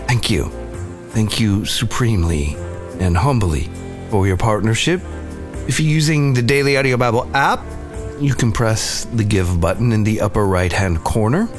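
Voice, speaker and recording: A man of middle pitch gives a devotional reflection and prayer in an earnest, gentle manner. His delivery is heartfelt and unhurried. Faint music plays quietly behind him. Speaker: podcast host.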